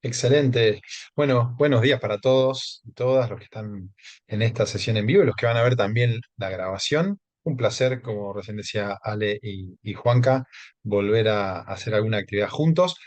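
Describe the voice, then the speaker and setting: An Argentine man with an Argentine accent presents a live webinar in a fairly low, darkish voice at normal speed, on a dry recording. He talks conversationally, hesitates a lot with many fillers and keeps asking the audience questions.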